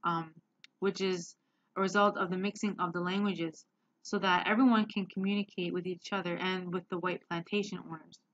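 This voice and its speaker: A woman giving a class presentation on slides, hesitant and filling pauses with many ums. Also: lowish voice, fairly even intonation, a bit bright. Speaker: student presenter. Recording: dull lo-fi sound.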